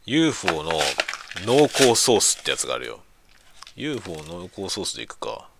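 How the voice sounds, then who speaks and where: A man's voice: low-pitched, very animated, brisk, gravelly, background noise. A man chatting casually and venting in a blunt, grumbling way, often breaking into chuckles. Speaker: streamer chatting on a lunch break. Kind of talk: casual chat, venting about work.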